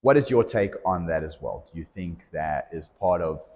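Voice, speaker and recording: Man, low voice, casual coaching chat, projects his voice, echoey room. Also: lively intonation, moderate pace. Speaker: CrossFit coach. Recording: lo-fi audio in reverberant room.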